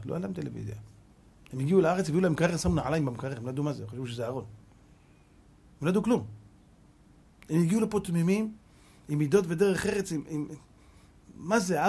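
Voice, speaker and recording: A rabbi in his fifties gives a Torah sermon, peppering listeners with rhetorical questions. His husky voice sits a little high, and he scolds, shifting between hushed asides and emphatic lines.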